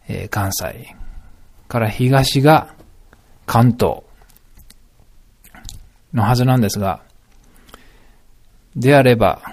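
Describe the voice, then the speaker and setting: A man's voice: fairly low pitch, a little mellow. A middle-aged man musing aloud in a solo podcast monologue, rambling with many fillers and self-corrections.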